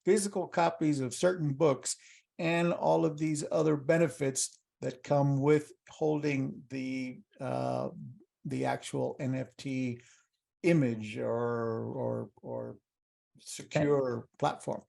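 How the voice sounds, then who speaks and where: A male podcast host with a medium-pitched, warm, creaky voice speaks slowly and steadily. He chats casually with a guest, then closes with an upbeat, rambling sign-off urging people to like and subscribe.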